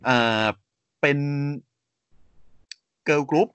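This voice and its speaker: A man's voice: takes it slowly, fairly bright tone. A man co-hosting a casual podcast chat, reading out facts steadily with frequent hesitant fillers and polite sentence endings. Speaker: podcast co-host. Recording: slightly dull muffled audio.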